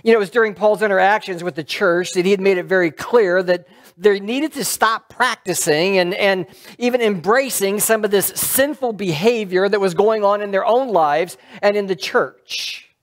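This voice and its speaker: A man's voice: high voice, normal speed. A middle-aged man preaching a sermon from a lectern in a church sanctuary, in a conversational way that puts questions to the congregation. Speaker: pastor.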